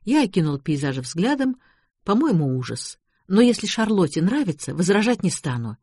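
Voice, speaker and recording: Female audiobook narrator with a lowish voice and wry, expressive delivery. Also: normal speed, husky, no echo, studio quality. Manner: wry, expressive first-person reading. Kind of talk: scripted narration.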